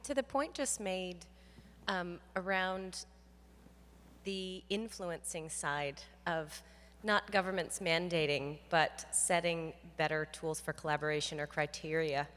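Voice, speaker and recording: A woman's voice: fairly low pitch, measured pace, a bit bright. A woman in the audience asking the panel a follow-up question. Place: conference hall. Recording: reverberant conference hall.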